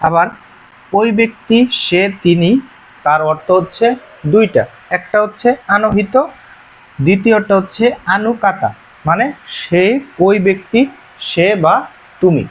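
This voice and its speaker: A man teaching a beginner language lesson, explaining slowly and repeating himself, with frequent "ah" fillers. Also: high voice. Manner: slow, repetitive explaining with many pauses and "ah" fillers. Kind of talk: classroom-style lesson. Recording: dull, muffled recording.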